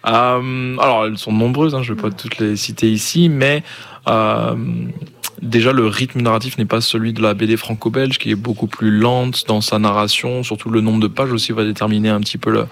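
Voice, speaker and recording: A man's voice: on the low side, steady tone, moderate pace, fairly bright tone. Man from Ghana explaining his craft. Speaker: manga artist. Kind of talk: interview answers.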